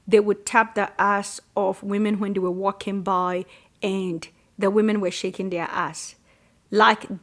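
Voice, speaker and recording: A woman hosts her own solo commentary show. She speaks as a sociologist, measured and emphatic, leaning into her points. Her voice sits at an everyday middle pitch. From Ghana. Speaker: sociologist and podcast host.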